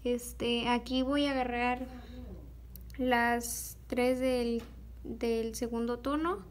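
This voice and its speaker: Young woman, high voice, slow easy craft tutorial, lots of little filler pauses. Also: fairly even intonation. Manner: slow, patient, with many fillers like "este". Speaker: beadwork tutorial host.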